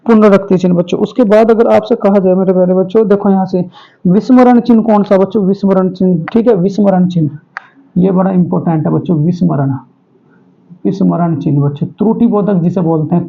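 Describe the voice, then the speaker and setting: High gravelly male Hindi teacher. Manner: calls students "my dear children", repeats answers as questions. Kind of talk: online exam-prep class. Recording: tinny phone-like audio.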